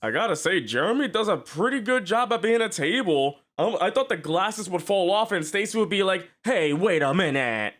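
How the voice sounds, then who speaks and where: A woman's voice: medium pitch, lively intonation, a little fast, few pauses. A woman hosting a reaction video, giggly and incredulous in casual commentary.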